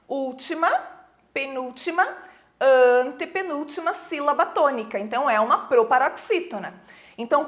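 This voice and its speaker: Brazilian lady teacher, high voice, takes her time explaining, keeps checking everyone's following. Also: fairly bright tone. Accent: Brazilian Portuguese. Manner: reads poems aloud slowly. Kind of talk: recorded school lesson.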